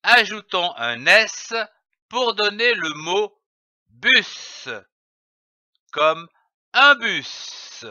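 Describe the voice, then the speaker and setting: Slow, bright-voiced man teaching reading. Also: high voice, sing-song, dry recording, dull audio. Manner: spells out letters and syllables slowly and deliberately. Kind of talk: slow scripted reading lesson for young children.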